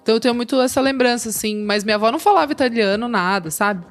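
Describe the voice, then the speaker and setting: A woman's voice: fairly high pitch, very fast, soft background music. Fond Brazilian woman reminiscing casually. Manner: relaxed, fond reminiscing with fillers. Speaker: podcast co-host. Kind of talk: casual chat.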